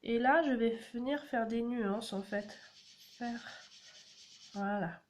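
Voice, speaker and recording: A woman's voice: fairly high pitch, slow pace. A woman, chatting through a card-making tutorial and explaining each step as she works. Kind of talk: casual crafting tutorial. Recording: audible background noise.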